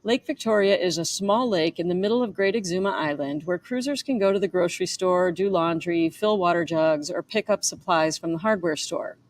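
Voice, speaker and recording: A woman reads aloud from her memoir in a relaxed, conversational way. Her voice sits a little low, and she breaks off now and then for offhand asides and quick self-corrections. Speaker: author reading her own book. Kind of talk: reading a memoir chapter aloud.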